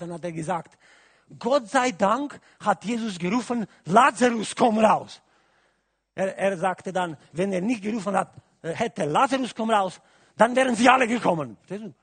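A man preaching a sermon, asking his listeners questions and swinging from quiet musing to loud, emphatic calls. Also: high-pitched, fairly quick, husky. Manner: asks the audience questions, adds "oder?" often.

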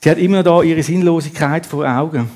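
A man's voice: fairly high pitch, fast talker, a little mellow. A man preaching a sermon, acting out the quotes in the story with a raised voice.

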